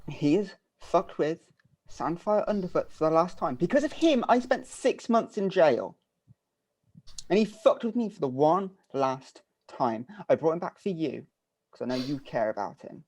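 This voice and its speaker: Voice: medium pitch, big pitch swings, normal speed, darkish tone. A player voicing a bitter, protective rogue woman. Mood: resentful.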